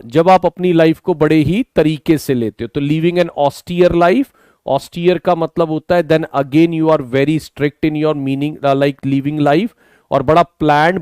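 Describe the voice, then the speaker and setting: In an online lesson, a man with an Indian accent works patiently through English vocabulary, blending Hindi with English and encouraging his students to respond. A sore throat makes him a bit hoarse, and his somewhat high voice has a slightly mellow quality. The studio-quality recording has no room sound.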